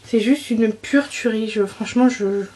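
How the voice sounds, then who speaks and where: A woman's voice: on the high side, measured pace, warm tone. A young woman chatting casually about her monthly beauty favorites, enthusiastic and full of fillers and restarts. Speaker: beauty vlogger.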